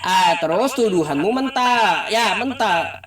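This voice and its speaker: A high-voiced man methodically citing sources by number in a religious debate, with a teasing edge. He sounds far from the mic, and the room rings with echo. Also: lively intonation, unhurried, crowd noise. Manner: cites sources by number, with many tag fillers, teasing.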